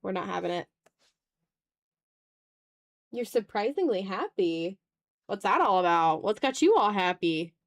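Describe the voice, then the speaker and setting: A woman hosting an art stream chats informally while she draws, often muttering to herself as she works. Her mid-range voice swings widely in pitch, moves a little slowly, and pauses often.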